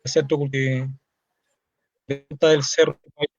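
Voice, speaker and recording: Man, choppy breaking-up internet call, halting speech, muffled lo-fi sound. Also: fairly high pitch, flat delivery, a little hiss or hum. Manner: halting, broken-off phrases. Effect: choppy, breaking-up internet call audio. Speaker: community guest from a cultural center. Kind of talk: casual introduction on a livestream call. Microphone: remote video call. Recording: muffled, lo-fi call audio from afar.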